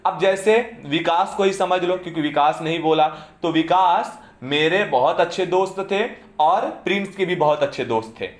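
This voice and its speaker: A man's voice: a little high, moderate pace, few pauses. Lecturing man in an echoey classroom. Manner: keeps asking students "समझे?" to check understanding. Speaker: teacher.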